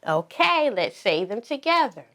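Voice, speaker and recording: Woman, kids show host, high lively voice, sing-song, encouraging, simple repeated phrases for preschoolers. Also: measured pace. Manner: sing-song, encouraging address to small children; enunciates simply with repetition. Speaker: children's circle time host.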